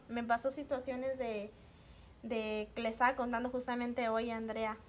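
A woman's voice: a little high, slight background noise. A woman with a Mexican Spanish accent, a podcast guest telling stories in casual chat and acting out the lines people said. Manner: animated storytelling, acts out quoted dialogue.

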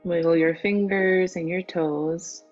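A woman teaching yoga, giving slow, soothing instructions for the final rest and closing. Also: lowish voice, steady tone. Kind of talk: guided yoga cool-down. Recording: dull lo-fi with faint music. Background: soft background music.

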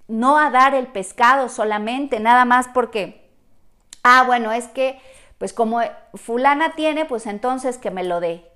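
A woman's fairly high voice carries a motivational monologue with a spiritual bent. She preaches, asks rhetorical questions and repeats key words for emphasis. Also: a bit bright. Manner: emphatic repetition. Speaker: spiritual speaker.

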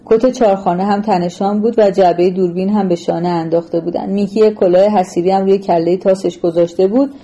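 A woman reading a novel aloud as narrator in a measured, even storytelling manner. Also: medium pitch, lo-fi sound. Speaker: audiobook narrator. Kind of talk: scripted literary narration.

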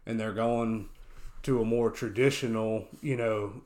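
A man's voice: on the low side, fairly even intonation, a little slow, a little mellow, roomy sound. A man in casual podcast chat who rambles and repeats himself, saying "you know" often. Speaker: podcast co-host.

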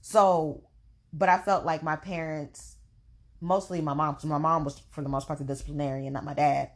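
A young woman co-hosting a podcast in casual chat. She talks in an emphatic, animated way. Her voice sits a little low. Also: normal speed. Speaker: podcast co-host.

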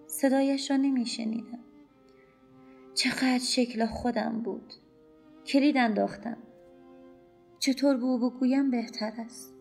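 A woman reads a short story in a calm, measured and introspective way. Her voice sits fairly high with a gravelly texture. Faint music plays under the narration. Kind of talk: scripted audiobook narration.

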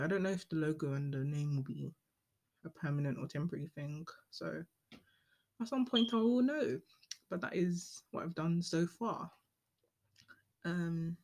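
Late-teen woman, relaxed solo podcaster, chatty and meandering, corrects herself often. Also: deep voice. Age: late teens. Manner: chatty, rambling, many ums and self-corrections. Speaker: podcast host. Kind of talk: casual solo podcast monologue.

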